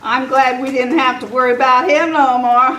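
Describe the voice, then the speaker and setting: A woman's voice: high-pitched, fairly even intonation, normal speed, pushed and bright. A woman playing a folksy, grateful frontier sheriff in an old-time radio western. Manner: folksy, plainspoken western talk. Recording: echoey meeting room, distant mic, faint noise.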